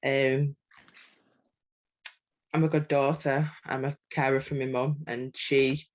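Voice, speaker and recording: A woman's voice: extremely low pitch, level tone, takes it slowly, dull audio. A middle-aged woman talking openly as a coaching client, hesitant and full of ums, with small self-conscious laughs. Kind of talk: candid conversational talk.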